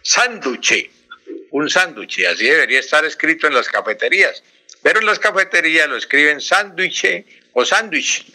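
A man on a radio language segment, explaining the right spelling of words and repeating them slowly and emphatically. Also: a little high, lively intonation, sharp tone. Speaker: language expert guest.

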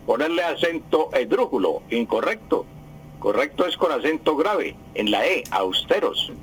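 A man's voice: fairly high pitch, sing-song, normal speed, slight background noise, low-quality recording. A man, a language professor on a radio show, explaining correct usage in a didactic way and repeating the right form. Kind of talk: radio language advice segment.

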